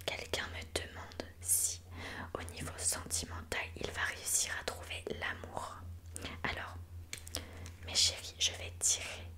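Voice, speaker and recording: Whispering softly, a woman plays a mystical fortune teller in an ASMR roleplay, and her delivery sounds much like an everyday voice. She is slow and soothing, and she keeps calling listeners darling.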